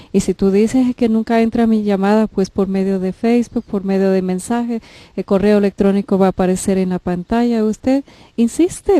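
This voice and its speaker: Warm-toned woman hosting faith TV. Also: mid-range voice, no echo. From Mexico. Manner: earnest, inviting viewers to call in. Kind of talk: faith talk show and prayer appeal.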